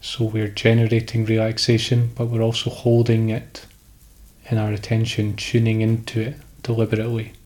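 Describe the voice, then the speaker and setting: This is a man guiding a sleep meditation in a lowish voice that stays extremely level, with almost no melodic movement. He gives calm instructions in short phrases and leaves pauses between them.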